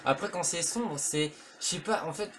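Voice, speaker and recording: A man's voice: a little high, moderate pace. Rambling man commenting on a game. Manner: rambling, hesitant, filler-heavy, casual slang. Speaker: let's play commentator. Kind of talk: casual gameplay commentary. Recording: faint background noise.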